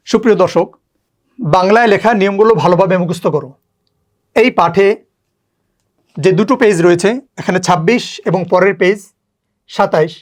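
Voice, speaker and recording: Patient teacher for a beginner lesson, clear and repetitive. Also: mid-range voice. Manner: patient, repeats rules slowly. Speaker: Quran reading teacher. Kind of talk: step-by-step lesson.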